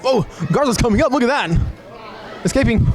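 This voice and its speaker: A man's voice: very high voice, animated, fairly quick. A man commentating live on lucha libre wrestling as an announcer, in a conversational, hesitant way with admiring exclamations. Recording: live event recording with crowd noise. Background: wrestling crowd.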